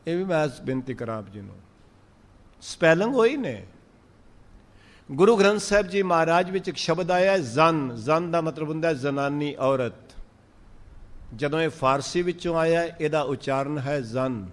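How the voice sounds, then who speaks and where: Punjabi man preaching in a reverberant hall. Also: fairly high pitch. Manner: chants verses slowly, then explains in lively speech. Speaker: Sikh preacher. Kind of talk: sermon on scripture.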